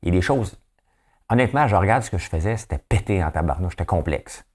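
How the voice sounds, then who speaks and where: A man's voice: low-pitched, expressive, fast talker, darkish tone, slightly rough. A man with a Quebec French accent hosting a daily news commentary show, talking casually, rambling and asking rhetorical questions. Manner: rambling, asks rhetorical questions, often tags "hein?".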